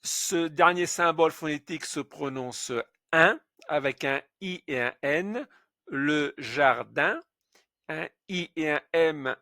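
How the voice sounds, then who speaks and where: A man teaching French pronunciation, spelling out letters and saying example words slowly and clearly. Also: on the high side, sharp tone, dry recording, clean studio sound. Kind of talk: slow pronunciation lesson.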